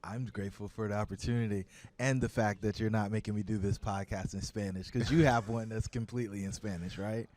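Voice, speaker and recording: A man's voice: on the low side, steady tone, brisk, hardly any pauses, darkish tone. A man hosting a podcast interview, with a teasing, joking way of talking. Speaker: podcast host. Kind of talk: casual interview talk.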